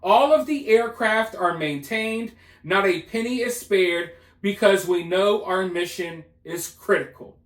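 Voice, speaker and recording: A man with a high voice hosts a news video, offering casual, opinionated commentary in colloquial language. He's emphatic and repeats himself for effect, speaking unhurriedly with hardly any pauses, and the sound is roomy.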